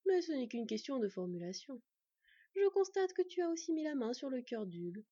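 A woman's voice: high-pitched, very animated, a little fast, dry recording, muffled recording, full character voice. A woman doing a silky, honeyed male thief. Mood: silky mocking. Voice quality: smooth, silky, purring. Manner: mocking, falsely gentle.

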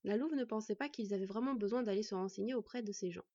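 Warm, breathy female audiobook narrator. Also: mid-range voice, fast talker, no echo. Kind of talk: scripted narration. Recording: dull, dry recording.

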